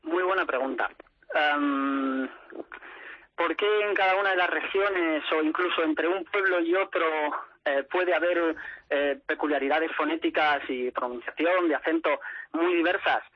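A man's voice: on the high side, unhurried, slightly rough, no room sound. A man from Madrid, a guest speaking on the phone in a radio interview, answering thoughtfully with many restarts. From Madrid, Spain. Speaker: phone guest, language expert. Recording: muffled phone line.

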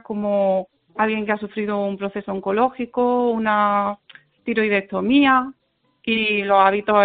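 A woman's voice: mid-range voice, gravelly. Woman speech therapist on a phone line. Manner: measured, explanatory, with thoughtful pauses. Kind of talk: radio interview answers.

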